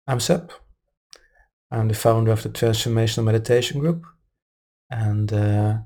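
Male meditation podcast host, soothing and unhurried in manner, soft mellow tone with noticeable vocal fry. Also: medium pitch. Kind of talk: casual podcast intro and guided meditation.

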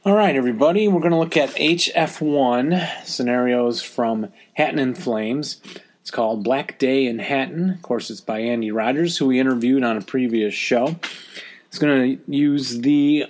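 A man hosting a casual hobby podcast while suffering from a cold, recorded in his basement with a modest mic and basement echo. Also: measured pace. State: has a cold. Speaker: podcast host. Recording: echoey basement, lower-quality home mic.

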